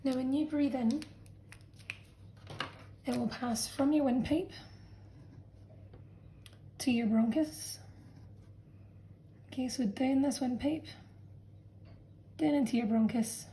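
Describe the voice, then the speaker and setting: A woman's voice: high-pitched, slow, pauses often, mellow, slight background noise, rough recording. A woman science teacher talking students through a revision lesson, explaining patiently and checking in with "okay" as she goes. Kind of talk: revision lesson narration over a drawn diagram.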